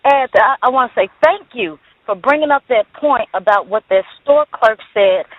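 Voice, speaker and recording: A woman's voice: fairly high pitch, animated, moderate pace, breathy edge, dry recording. Woman on a crackly, fading phone line. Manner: earnest, emphatic. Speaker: caller. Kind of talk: call-in radio chat.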